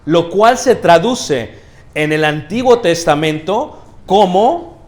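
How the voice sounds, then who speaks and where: A man with a fairly high voice preaches a teaching sermon in a church. He keeps checking that his listeners follow, asking them questions and adding a quick "ok?". He slows down and stresses the key words. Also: expressive, darkish tone.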